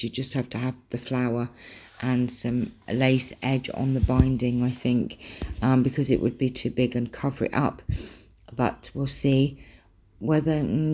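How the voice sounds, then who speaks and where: This craft vlogger, a young woman from England speaking British English, has a dark-toned bass voice that sounds worn and throaty. Chatting casually about her craft supplies with many ums, she seems to be slightly losing her voice and keeps clearing her throat.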